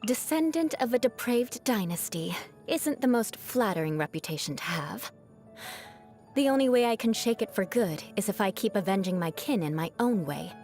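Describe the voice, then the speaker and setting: A woman's voice: mid-range voice, big pitch swings, normal speed, a little mellow, soft background music, natural voice. Woman voicing Eula, a haughty aristocratic young knightess. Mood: proud, reflective. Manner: haughty, formal, crisply theatrical, teasing. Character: proud aristocratic young knightess, vengeful yet secretly caring. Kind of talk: scripted video game character voice lines.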